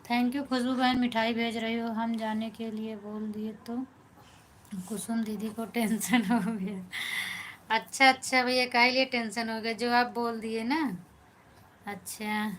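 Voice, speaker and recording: Awadhi-accented woman, live-stream host, reads chat aloud and thanks fans, slightly high voice, faint hiss behind. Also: little pitch movement, unhurried. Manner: chatty, thanks viewers by name, answers comments one by one. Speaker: folk singer hosting a live stream. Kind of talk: casual live-stream chat reading viewer comments.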